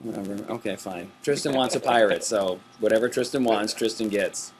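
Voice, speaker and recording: A man's voice: lowish voice, brisk, husky. A middle-aged man hosting a casual backstage webcast, reading out viewer questions in an easygoing, chatty way and laughing between them. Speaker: webcast host.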